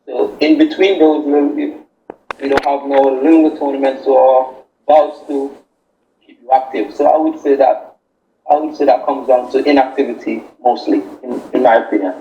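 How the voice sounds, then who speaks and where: A man's voice: mid-range voice, steady tone, moderate pace, vocal fry, warm tone. Man over a lo-fi conference call. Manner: plain and direct, repeats words for emphasis. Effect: remote voice over an online conference call. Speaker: boxer, guest. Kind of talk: casual interview answers. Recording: lo-fi echoey call audio, faint hiss.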